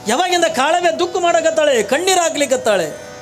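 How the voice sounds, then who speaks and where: A man's voice: very high-pitched, lively intonation, fairly quick, faint music behind. A man preaching a devotional story, often asking the audience rhetorical questions. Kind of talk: sermon storytelling.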